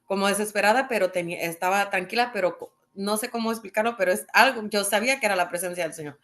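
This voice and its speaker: A woman's voice: medium pitch, fast talker, a bit bright. Earnest woman sharing a testimony. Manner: earnest, searching for words. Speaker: church member. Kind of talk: personal testimony.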